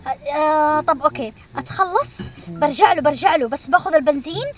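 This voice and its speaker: A woman streamer giving excited commentary while she plays a game, shrieking when she is chased. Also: sits high, quick pace. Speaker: gaming streamer.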